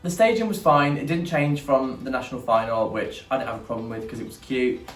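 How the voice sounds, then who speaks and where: A man's voice: medium pitch, a little fast. Man, sassy drag queen banter, casual review chat, roomy echo, faint music. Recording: echoey room, distant mic, music behind.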